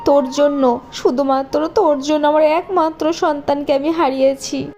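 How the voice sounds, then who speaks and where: A woman's voice: sits high, steady tone, normal speed, darkish tone, dull audio, a little hiss or hum, voice pushed down, lightly acted. A woman voicing a cruel, scheming stepmother in a cartoon, who scolds and sneers. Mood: scornful. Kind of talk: cartoon voice acting. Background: faint background music.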